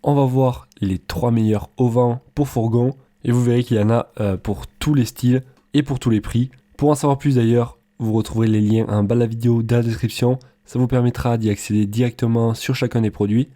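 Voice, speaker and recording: A man giving a casual product comparison voice-over in a chatty, relaxed way, with frequent hesitations. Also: medium pitch, fairly quick. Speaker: product reviewer.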